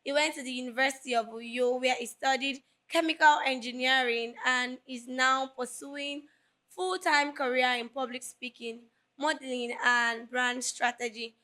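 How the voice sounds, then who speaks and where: A woman's voice: sits high, steady tone, moderate pace, pushed and bright. A Nigerian woman hosting a casual interview chat, playful and laughing often. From Lagos, Nigeria. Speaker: podcast host.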